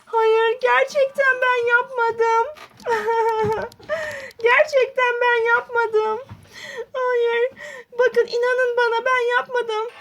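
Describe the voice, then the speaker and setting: A woman voicing a crying teen girl begging, super high squeaky voice, desperate. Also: steady tone, normal speed, fairly bright tone, slight background noise. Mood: pleading. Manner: pleading, tearful. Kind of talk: toy-doll roleplay voicing.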